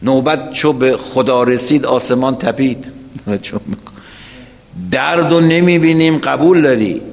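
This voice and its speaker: A man's voice: mid-range voice, long reverb tail. A man preaching to a weekly religious gathering, telling a story and putting questions straight to his listeners. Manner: storytelling, addresses listeners directly with rhetorical questions. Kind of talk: religious lecture to a weekly congregation.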